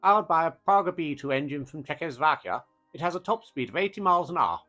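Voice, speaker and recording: A jaunty male newsreel announcer from the 1930s, as a man puts him on, delivering old newsreel narration in a bright, lively voice that leaps up and down. The tone is chirpy and plummy, pitched somewhat high, with faint music underneath. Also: fast talker. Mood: announcing.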